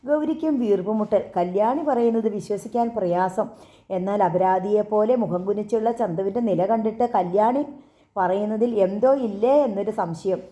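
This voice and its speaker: A woman reading a story as an audiobook narrator, steady and expressive. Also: mid-range voice, normal speed.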